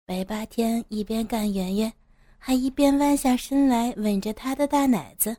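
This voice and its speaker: A woman narrating an erotic audio story in a slow, even reading voice. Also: a little high, no room sound.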